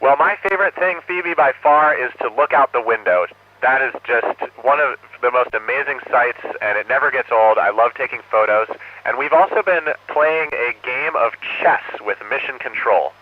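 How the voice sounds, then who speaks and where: A man answering students' questions from an orbiting space station over a crackly radio downlink, earnest and measured, signing off each answer with 'over'. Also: medium pitch. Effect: crackly space-to-ground radio downlink. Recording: dull radio link with faint static hiss.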